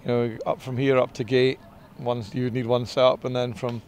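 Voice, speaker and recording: Relaxed middle-aged racing driver outdoors. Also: male voice, medium pitch, brisk. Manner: relaxed and modest, with filler ums. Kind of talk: casual interview answers. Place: outdoors in a race paddock beside a team truck. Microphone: interviewer's handheld mic.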